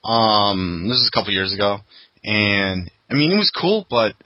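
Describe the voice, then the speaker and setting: Bright-voiced man hosting a chat. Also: lowish voice, very animated, moderate pace, no echo, rough recording. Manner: chatty, laughs often. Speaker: podcast host. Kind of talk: casual chat.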